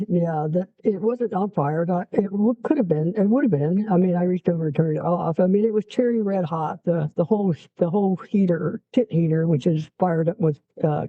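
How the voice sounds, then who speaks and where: Animated middle-aged woman telling war stories. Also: low-pitched, no echo. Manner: animated storyteller who acts out her own shouts. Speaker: interview guest, Air Force veteran. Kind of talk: casual storytelling interview. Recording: dry, slightly dull lo-fi recording.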